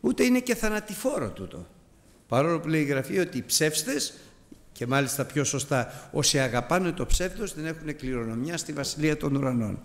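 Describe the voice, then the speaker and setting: A man's voice: a little high, animated, big-room sound. A man teaching a Bible study as a sermon, earnest and emphatic, addressing his listeners as brothers.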